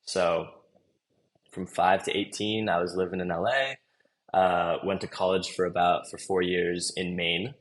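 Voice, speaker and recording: The recording is rough, capturing a deep, steady, unhurried male voice. The speaker is a young marketing manager from Los Angeles, USA, guesting on a podcast and chatting in a loose, easygoing interview style.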